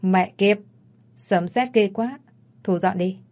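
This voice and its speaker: A woman voicing a vicious male thug who curses roughly. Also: mid-range voice, slow, a little mellow, close to an everyday voice. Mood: harsh. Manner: cursing, rough.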